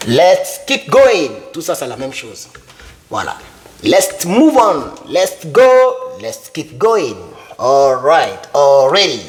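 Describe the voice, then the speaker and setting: A man's voice: medium pitch, very animated, slow. A young man giving a casual video lesson, repeating words over and over to drill pronunciation and speaking straight to the viewer. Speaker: English teacher.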